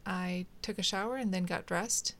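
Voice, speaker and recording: A woman voicing a calm, bewildered woman who answers gently in a read-aloud story. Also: fairly low pitch, normal speed, close to an everyday voice. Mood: puzzled, calm. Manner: mild, bewildered replies.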